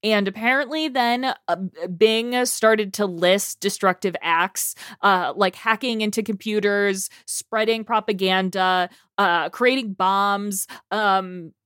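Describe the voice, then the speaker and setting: A woman's voice: mid-range voice, takes it slowly, hardly any pauses, fairly bright tone, clear, resonant tone, no echo, studio quality. A woman co-hosting a casual tech podcast, stammering and laughing as she reads out a chat transcript. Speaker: co-host.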